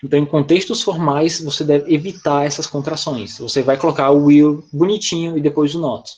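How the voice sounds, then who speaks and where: A fairly high-pitched man speaks briskly in a steady, slightly mellow tone. He's an English teacher with a Brazilian Portuguese accent, patiently walking through grammar step by step in an online class on a video call, often adding "tá?" and "né?".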